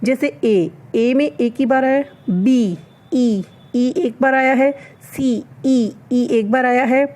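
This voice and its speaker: Woman teaching English, slow and explanatory. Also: a little high, a little mellow, low-quality recording. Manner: reads English facts slowly, then explains chattily. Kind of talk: explanatory lesson mixing Hindi and English.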